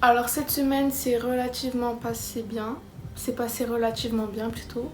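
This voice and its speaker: A young woman vlogger chatting casually to camera, self-mocking and excitable. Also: a little high, moderate pace, a little hiss or hum. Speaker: vlogger tracking her language learning. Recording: roomy echo with background music.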